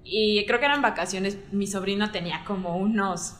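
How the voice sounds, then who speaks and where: In a relaxed chat, a Mexican-accented woman narrates a story with lively energy, performing each character's lines. She speaks at a moderate pace in a mid-range voice, with slight background noise, roomy echo and faint music.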